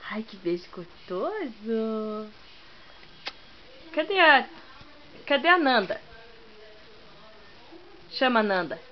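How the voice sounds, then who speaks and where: A mother talks baby talk to her toddler at home, gentle and coaxing. She drawls her words and lets them lilt, her voice sitting a little high. The recording is dull and lo-fi, with a faint hiss behind it. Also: very animated, slow, pauses often.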